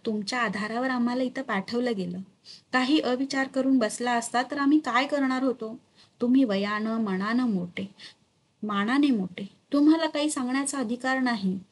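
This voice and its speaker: Storybook role: regal queen mother, firm and caring, voiced by a woman, husky edge. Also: fairly high pitch. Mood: consoling. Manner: firm, commanding, then consoling. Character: commanding royal mother, firm yet caring.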